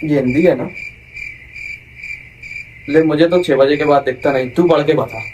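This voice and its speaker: A man's voice: a little high, normal speed, dull audio, slight background noise. A man acting as a cocky father talking back to a teacher in a comedy sketch. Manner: cocky, lively backtalk.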